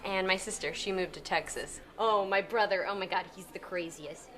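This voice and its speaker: An actress playing a flustered young woman on a blind date, nervous and quick to protest. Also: medium pitch, fairly bright tone, natural voice. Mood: chatty. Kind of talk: comedy sketch acting.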